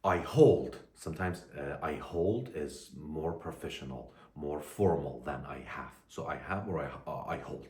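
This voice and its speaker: Deep-voiced man teaching slowly. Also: animated, darkish tone. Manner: slow, deliberate, repeats phrases for learners to copy. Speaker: English teacher. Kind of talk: English lesson for learners. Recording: echoey room.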